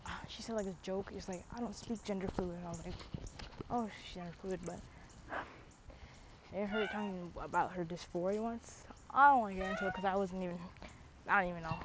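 Over a dull lo-fi mic with noticeable background noise, a young woman rambles casually on her stream. Her mid-range voice runs fairly quick, and she leans heavily on fillers and slang like "bro" and "dude."

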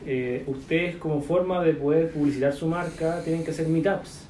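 A man's voice: on the high side, moderate pace, slight background noise. Chilean man mentoring, echoey room. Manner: animated, coaching, lots of slang and fillers. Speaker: business mentor. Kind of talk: casual mentoring chat.

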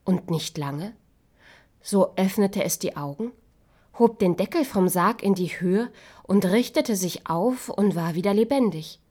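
A woman reads a fairy tale aloud as the narrator, in a measured, even storytelling voice. Now and then she softens to a quieter hush, and her pitch sits at an ordinary middle height.

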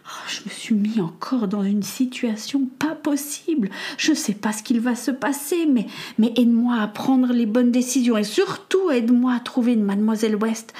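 A woman reading a storybook voices an earnest, worried young boy, slightly higher than her own voice, sometimes whispering a prayer. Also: darkish tone, close to an everyday voice.

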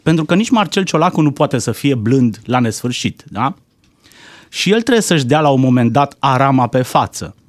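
A man's voice: mid-range voice, lively intonation, dry recording, studio quality. A man giving heated, indignant political commentary on a talk show, firing off rhetorical questions.

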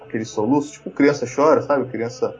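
A man's voice: mid-range voice, steady tone, a little fast, muffled recording, faint music behind. A man with a Brazilian Portuguese accent telling a story in casual chat, full of fillers and restarts. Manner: chatty, lots of fillers and restarts.

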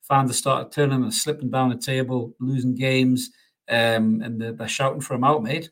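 A man's voice: medium pitch, fairly even intonation, normal speed. A man hosting a casual football podcast, chatty, laughing often and swearing freely. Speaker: podcast host.

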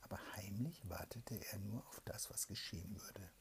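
A woman reading a fairy tale aloud to her child in a raspy, hushed whisper. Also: a bass voice. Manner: hushed, slow, soothing reading. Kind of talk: whispered bedtime story reading.

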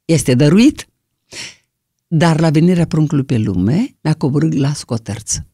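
An older woman from Romania, a singer with a deep, low voice, telling stories in an interview in a lively, expressive way. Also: slightly rough, dry recording, clean studio sound. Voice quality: low, deep singing-trained voice. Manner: lively, expressive anecdotal storytelling. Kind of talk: storytelling in an interview.

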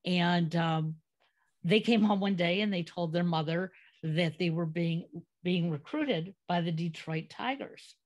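A woman's voice: fairly low pitch, a little slow, dull audio. A middle-aged woman hosting a podcast interview, reminiscing and telling family anecdotes. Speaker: podcast host.

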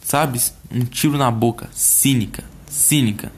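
A man's voice: mid-range voice, measured pace, slight background noise, natural voice. A man with a Brazilian accent reading aloud a jealous, volatile young man's heated lines. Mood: contemptuous. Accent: Brazilian Portuguese.

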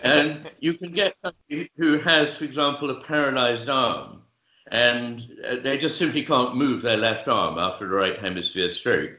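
Lowish guy explaining stuff slowly, lots of ums and restarts, echoey room, kinda muffled. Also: bright, forceful tone. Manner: measured, hesitant with fillers and restarts. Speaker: guest author. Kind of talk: thoughtful explanatory interview talk. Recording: roomy, dull lo-fi sound.

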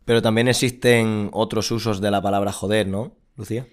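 A man from Spain co-hosting a language lesson, giving examples in a relaxed, dryly joking way. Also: lowish voice, fairly quick. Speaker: co-host.

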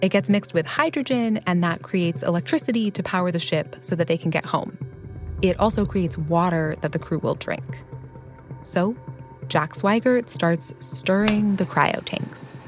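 A woman's voice: lowish voice, a little slow. Woman narrating a documentary, conversational and explanatory. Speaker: narrator and host. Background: background music.

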